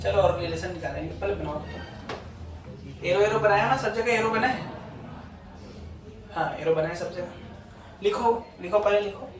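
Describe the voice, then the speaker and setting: A man's voice: high-pitched, crowd noise. Male physics teacher, classroom lecture, prods students for replies, recorded far off in an echoey room. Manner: coaxing, asks students for constant confirmation; dictates notes slowly.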